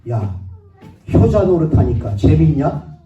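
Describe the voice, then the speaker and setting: A man quoting his gruff elderly father during a sermon, with a blunt, teasing edge, heard from a distance in a roomy, muffled church recording. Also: on the high side, lively intonation, moderate pace, music in the background, natural voice. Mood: mocking.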